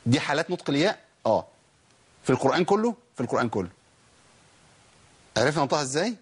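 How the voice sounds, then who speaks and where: A man's voice: a little high, sing-song, racing, slightly rough. Egyptian man teaching Quran recitation. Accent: Egyptian Arabic. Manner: drills students with call-and-repeat, asks and answers his own questions. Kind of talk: Egyptian colloquial tajweed lesson.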